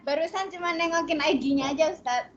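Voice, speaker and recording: A woman's voice: sits high, fairly quick. A woman calling in to an online religious study session over a crackly phone line with clicks, speaking politely and addressing the teacher respectfully after each phrase. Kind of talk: casual call-in chat. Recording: crackly lo-fi line, echoey room heard from far off, loud hiss.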